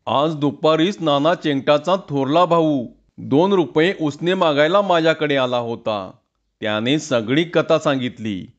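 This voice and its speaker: A man's voice: fairly high pitch, a little slow, muffled recording, natural voice. A man voicing a gossipy village schoolmaster who recounts the news at length. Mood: telling.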